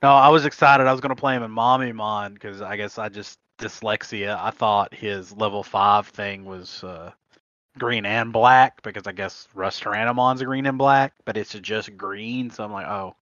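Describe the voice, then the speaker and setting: A man's voice: lowish voice, normal speed, a bit bright, no room sound. A man co-hosting a trading card game podcast, telling stories in casual chat and laughing at his own mishaps. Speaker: podcast co-host. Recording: muffled lo-fi audio.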